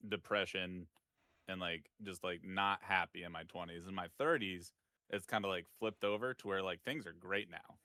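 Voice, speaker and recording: Man, thirties, low bright voice, relaxed candid talk, dry sound. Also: no room sound. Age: 30s. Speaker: streamer guest. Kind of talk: casual chat.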